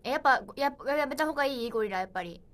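A solo idol livestreamer, a woman in her twenties, races through playful chatter and viewer comments she reads aloud. Her high, fairly bright voice is animated throughout the casual stream.

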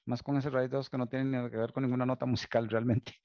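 Male lecturer, gravelly voice, stop-start explaining, dry muffled recording. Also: medium pitch, little pitch movement, fast, warm tone, no echo. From Costa Rica. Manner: thinking aloud, many restarts and checks like "¿Ok?". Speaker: university lecturer.

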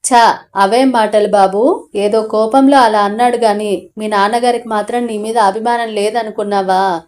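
A woman voicing a gentle, worried middle-aged mother who soothes her son and pleads with her husband, in a storybook audio novel. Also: mid-range voice, steady tone, normal speed, close to an everyday voice. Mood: soothing.

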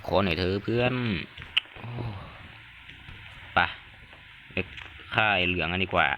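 Heavy rain pours outside as this young gaming YouTuber records Thai let's-play commentary in his home room, the rain noise plainly audible behind him. He is loud and excitable, full of crude jokes and frequent yelps, yet his voice is low and unhurried.

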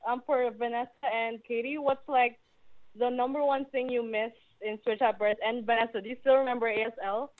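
Female phone-in caller from Hong Kong, slightly high voice, eager and halting, heard through a thin telephone line. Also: fairly even intonation. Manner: eager fan, halting and unsure. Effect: heard over a phone line. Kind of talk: casual call-in chat. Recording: dry, tinny phone line.

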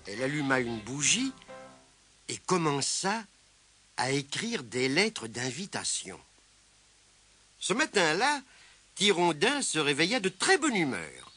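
Lively high-voiced male storyteller. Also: takes it slowly, pauses often, breathy edge. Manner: lively, expressive. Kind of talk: children's story reading. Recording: music playing behind.

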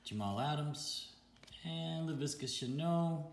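Slow and slightly high, with vocal fry, this man runs a card-opening channel and chats casually while unboxing. He calls out every card name and laughs frequently. The audio carries a roomy echo plus some faint noise.

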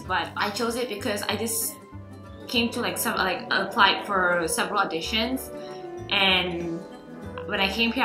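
A young woman from Malaysia, chatting casually as a dance student, with lots of "like" fillers. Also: mid-range voice. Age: young adult. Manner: chatty, uses many fillers. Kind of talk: casual documentary talk. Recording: echoey, with music underneath.

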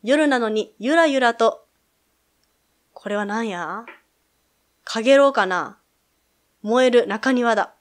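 A woman's voice: fairly high pitch, slow pace, pauses often. A woman who streams games, reading the narration aloud and chatting casually about it. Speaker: let's play streamer. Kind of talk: reading a game aloud with commentary.

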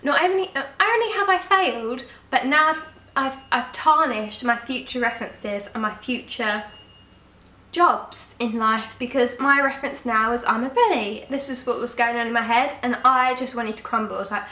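Young woman, storytime vlog, frank and expressive, roomy sound, mic set back. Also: on the high side, moderate pace, distant mic. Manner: frank and expressive, swears casually. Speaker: vlogger.

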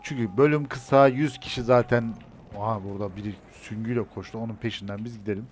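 A gameplay streamer with a lowish, slightly mellow voice mutters quick, fairly even commentary to himself, breaking into frustrated swearing outbursts. Gunfire from the game plays in the background, and there is a little hiss or hum.

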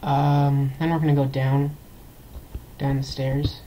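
A man talks through his gameplay in a loose, rambling let's-play commentary, stumbling over fillers and restarting his sentences. His voice sits at an ordinary middle pitch. A faint hiss of background noise sits under the desktop mic. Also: flat delivery, slow, dark tone, rough recording. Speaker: gameplay video host.

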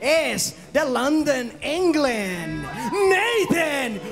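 Guy ring announcer yelling spanish and english intros lucha libre style, really high voice, music behind. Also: sing-song. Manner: booming showman like a lucha libre announcer, drawn-out names. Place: fight cage in an indoor arena. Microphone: handheld microphone.

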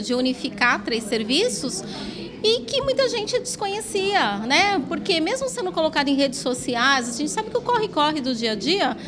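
A middle-aged woman, a health worker, explaining a program in an interview in a classroom, often ending with a questioning tag. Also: sits high. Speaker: health worker giving a talk. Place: classroom with projector.

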